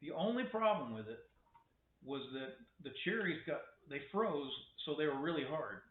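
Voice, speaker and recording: A man's voice: a little high, lively intonation, moderate pace. A man talking casually to his webcam, rambling and wry, with many restarts and strong opinions. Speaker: vlogger. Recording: echoey room, tinny phone-like sound.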